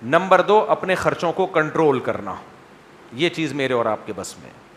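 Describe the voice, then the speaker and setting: A man's voice: on the high side, big pitch swings, a bit bright, a little hiss or hum. A male Islamic scholar answering questions bluntly and wryly, often checking that his listeners understand. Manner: blunt, wry.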